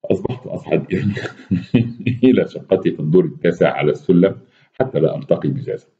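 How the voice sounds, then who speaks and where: A man with an Egyptian Arabic accent reading a short story aloud with expressive, wry delivery and casual asides. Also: low-pitched, quick pace, dull audio. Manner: expressive, wry, laughs at his own asides.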